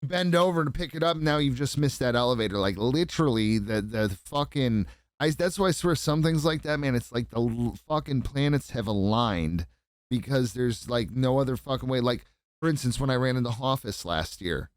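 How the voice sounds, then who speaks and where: A man's voice: medium pitch, lively intonation, normal speed, no room sound. A man co-hosting a podcast in casual chat, rambling and swearing a lot. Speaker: podcast co-host.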